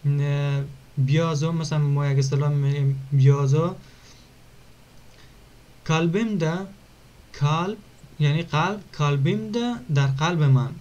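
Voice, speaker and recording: A man teaching an online language lesson, repeating words slowly and clearly for pronunciation. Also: a little high, darkish tone, muffled recording.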